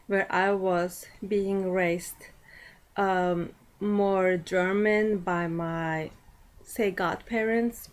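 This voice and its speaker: Slow, deliberate woman giving a speech. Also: medium pitch, rough recording. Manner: slow and deliberate, with pauses and fillers. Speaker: speech class student. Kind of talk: prepared personal speech to an audience.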